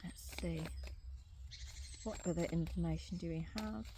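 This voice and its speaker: A woman reading runes and tarot cards, thinking aloud in a casual, musing way with many pauses and fillers, chewing gum as she talks. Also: fairly low pitch, fairly even intonation, background noise. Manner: chewing gum while talking. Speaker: rune and tarot reader. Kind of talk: casual card reading to camera. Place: outdoors on a sunny day, crickets behind.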